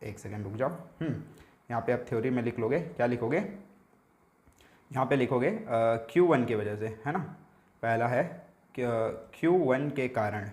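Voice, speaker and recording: A man's voice: mid-range voice, expressive, darkish tone. Man, physics teacher, revision lecture, repeats himself, echoey room. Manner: explaining slowly, repeating himself with frequent "ठीक है" checks.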